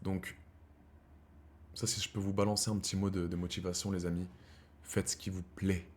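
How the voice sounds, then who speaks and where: In a deep voice with little pitch movement and a moderate pace, a streamer in his thirties rambles casually to viewers. He uses slang, calls them his brothers, and shifts from heated ranting to quiet reflection.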